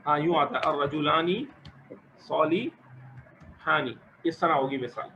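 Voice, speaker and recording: A man's voice: on the high side, fairly even intonation, fast, bright, forceful tone. A man teaching an Arabic grammar lesson to a class, asking questions, explaining rules patiently and encouraging his students. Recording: dull lo-fi recording with faint noise.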